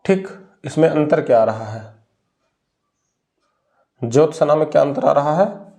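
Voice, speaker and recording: High-voiced male teacher drilling spelling. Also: animated, gravelly, mellow. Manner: asks a question, then answers it himself; drags out words slowly when stressing them. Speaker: Hindi teacher. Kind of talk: classroom spelling lesson.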